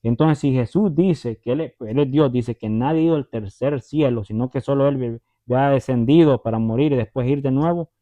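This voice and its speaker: With hardly any pauses, a man of medium pitch talks fairly quickly through a conversational Bible teaching. The preacher retells stories, acting out the voices, and keeps checking in with tag questions. The audio sounds tinny, like a phone.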